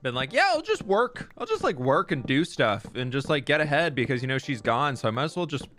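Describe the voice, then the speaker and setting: A man's voice: mid-range voice, lively intonation, quick pace, a bit bright. A young man live-streaming from a room at home, chatting casually and greeting viewers by name. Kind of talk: casual live-stream chat while gaming.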